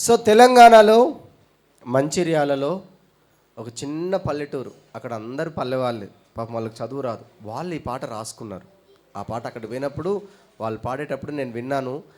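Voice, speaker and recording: A man's voice: mid-range voice, brisk, a little mellow. A man teaching at a children's Bible school, chatting casually and quizzing the kids with playful questions.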